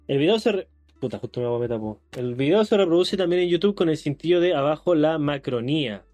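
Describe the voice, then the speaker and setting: A man's voice: a little high, animated, fast talker, a little mellow, dry recording, faint music behind. A man with a Chilean accent chatting crudely and joking, reading news aloud on a podcast. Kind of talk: casual podcast chat reacting to news.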